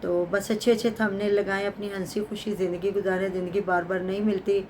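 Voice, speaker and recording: Talking fairly fast with a flat delivery, the middle-aged woman gives a casual vlog commentary in a warm, mid-range voice. She's chatty and pious, frequently offering blessings, and a faint hiss sits under her speech.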